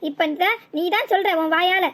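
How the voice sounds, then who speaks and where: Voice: very high voice, moderate pace, a bit bright. A performer voicing a blunt, exasperated village husband in a cartoon, with a southern Tamil Nadu accent and a scolding, lecturing manner. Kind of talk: cartoon voice acting.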